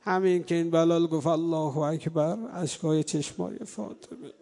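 A man preaching a mourning sermon to a live gathering indoors. He moves between soft storytelling and loud, drawn-out chanted lament. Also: fairly high pitch, fairly even intonation, gravelly. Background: live congregation.

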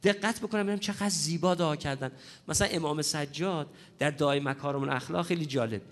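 A man preaching a religious lecture on prayer, hoarse from a cold, emphatic and repeating his key points. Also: fairly high pitch.

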